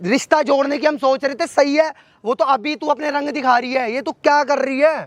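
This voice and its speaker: A man's voice: very high voice, fairly even intonation, a little fast. A man playing an exasperated young engaged man who argues indignantly with his fiancée in a scripted family drama skit, going over the same points again and again. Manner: indignant, repetitive arguing.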